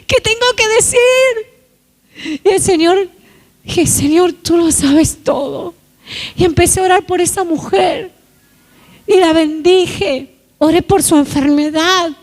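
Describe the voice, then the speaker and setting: A woman's voice: very high voice, fairly even intonation, unhurried, a little mellow. A woman preacher, telling a testimony and leading a fervent prayer. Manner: fervent, storytelling then praying. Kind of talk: sermon with story and closing prayer.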